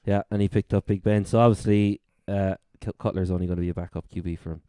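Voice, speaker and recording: A man's voice: sits low, steady tone, fast talker, mellow, dry recording. A man with a Cork accent from Ireland, co-hosting a sports podcast and casually running through updates. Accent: Irish, Cork. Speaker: fantasy football podcast co-host.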